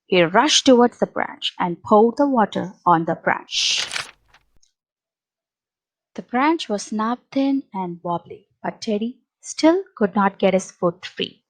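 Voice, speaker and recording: Slow storytelling woman reading aloud. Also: medium pitch, expressive, poor audio. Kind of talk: reading a picture book aloud.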